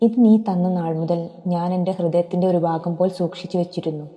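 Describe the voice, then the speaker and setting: A woman voicing a calm, steadfast young man in love, speaking gently in a storybook reading. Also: on the low side, fairly quick, lightly acted. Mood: calm tender. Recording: long hall reverb.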